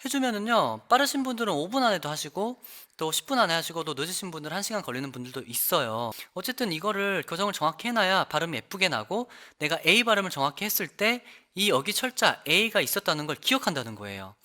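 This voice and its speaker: A man's voice: sits high, animated, quick pace, few pauses, sharp tone. A man teaching English pronunciation in an online lesson, explaining each point and demonstrating the sounds by repeating words.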